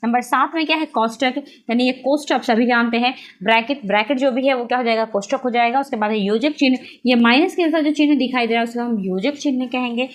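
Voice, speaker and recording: A woman's voice: fairly high pitch, fast talker, few pauses. A woman teaching a Hindi grammar lesson, who repeats her points and asks herself questions before she answers them.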